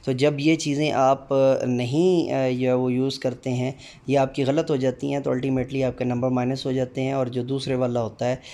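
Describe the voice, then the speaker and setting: A middle-aged man teaching a lesson on the alphabet, stopping often with fillers and then calling out letters one by one in a drawn-out way. His pitch sits in the middle of the male range. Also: level tone, mellow. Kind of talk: teaching the Urdu alphabet aloud.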